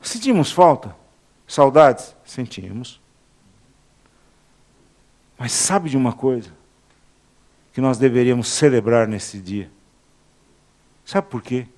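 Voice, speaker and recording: A man preaching a Bible class, telling personal stories with emotion, swinging between quiet and exclaiming. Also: medium pitch, lively intonation, slow pace, pauses often. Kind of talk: sermon teaching with personal stories.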